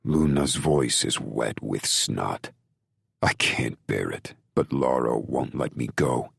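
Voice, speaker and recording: Very deep, gravelly male narrator. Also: a bit bright, no echo, clean studio sound. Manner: brooding, measured, intense. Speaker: audiobook narrator. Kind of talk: first-person audiobook narration.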